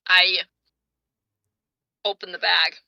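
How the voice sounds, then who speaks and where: A woman's voice: fairly low pitch, little pitch movement, takes it slowly, creaky, bright, forceful tone, no echo. A woman playing a tabletop role-playing game, casually and hesitantly describing her character's actions.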